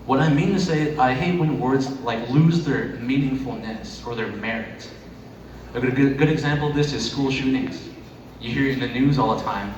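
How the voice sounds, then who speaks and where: A man's voice: mid-range voice, moderate pace, lo-fi sound. A man performing a stand-up comedy set in a conversational, profane way. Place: echoey room with live audience. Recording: echoey noisy room, distant mic.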